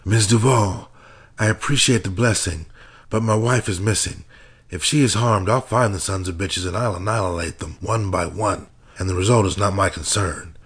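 A desperate, furious husband on the edge, played by a man reading an audiobook. He speaks in sharp, venomous bursts. The voice is pushed high above the reader's low, husky tone. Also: normal speed. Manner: agitated, venomous.

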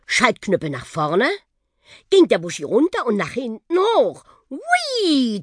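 A woman narrating a children's audiobook with expressive storytelling. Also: lowish voice, breathy edge, dry recording, clean studio sound.

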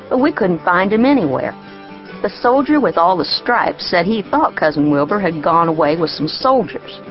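A woman's voice: sits low, dull audio. A woman voicing a plainspoken ten-year-old country girl, telling her story in audiobook style with artless, rustic grammar. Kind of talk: first-person audiobook character narration.

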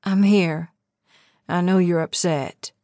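A woman's voice: on the low side, steady tone, slow, warm tone, no echo. Woman voicing a restrained woman in her late thirties. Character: woman of 38, startled, dutiful fiancée. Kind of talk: audiobook character voice. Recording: dry close studio sound.

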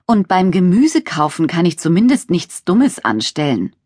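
A croaky little old witch, friendly and a touch scatterbrained, as a woman reads her in a children's audiobook. Her husky voice swings up and down in lively bursts, recorded close and dry. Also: lowish voice, normal speed, no room sound. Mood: chatty.

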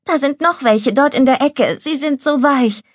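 A woman's voice: high voice, normal speed, no echo, pitched above the performer's own voice, close to an everyday voice. A woman voicing a stubborn young girl who wheedles and insists, in a storybook reading. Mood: pleading. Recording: dry studio recording.

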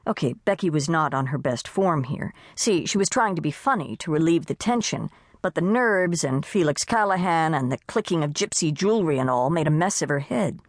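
Brief: audiobook woman narrator, wry and animated, dead-dry close mic. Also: deep voice, a little fast, few pauses, no room sound. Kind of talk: scripted narration.

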